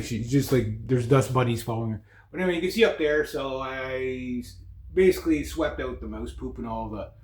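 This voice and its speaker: A man chatting casually and haltingly as he gives a rambling, informal house-tour vlog. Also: mid-range voice, a little mellow, slight background noise. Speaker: vlogger. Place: indoors in an old house room. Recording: echoey bare room.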